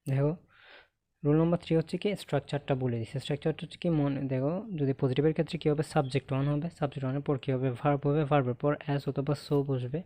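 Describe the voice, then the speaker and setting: Fast-talking Bangladeshi man teaching grammar. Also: fairly high pitch, steady tone, mellow. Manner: asks the class questions and answers them himself; ends points with a checking "okay?". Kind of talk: recorded online lesson.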